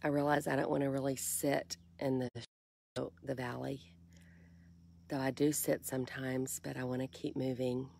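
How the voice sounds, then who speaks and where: An older woman speaks softly and musingly, often dropping to a breathy half-whisper. Her voice sits very low and stays flat, with a husky edge. She talks slowly, like a quiet devotional vlog recorded on a phone held at arm's length outdoors. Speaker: faith vlogger. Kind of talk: casual devotional vlog and prayer. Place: on a kayak on a lake outdoors.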